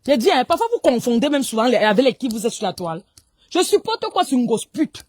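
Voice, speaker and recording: A woman's voice: fairly high pitch, big pitch swings, fast talker, darkish tone, no room sound, clean studio sound. A woman with a Cameroonian French accent, delivering a heated, confrontational livestream rant and slipping into Pidgin English. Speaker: online commentator.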